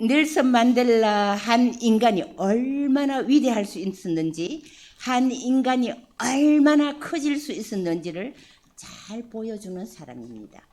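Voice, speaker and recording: A woman speaks slowly in a mellow, dark-toned voice. She is a religious sister giving a lecture, talking in an easy conversational way and putting questions to her listeners. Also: medium pitch. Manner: slow prayerful opening, then lively conversational teaching with questions to listeners. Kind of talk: prayer then spoken lecture.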